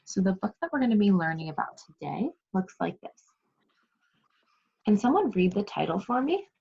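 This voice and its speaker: Over dull, lo-fi video call audio, a woman runs a remote read-aloud for her second graders, giving directions, posing questions, and praising the kids. Her mid-range voice is sing-song, warm, creaky, and slightly rough, at a normal speed.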